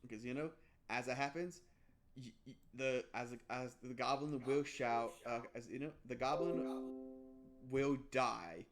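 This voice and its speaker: Halting young man running a tabletop game. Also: medium pitch, soft background music. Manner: halting, many restarts and fillers. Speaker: game master.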